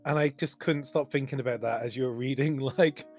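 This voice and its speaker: A man hosting a relaxed stream at a middling pitch, chatting in loose, rambling runs and tripping over repeated words. He keeps apologizing to his viewers, with faint music playing behind him. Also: a little fast. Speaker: stream host. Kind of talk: casual stream chat.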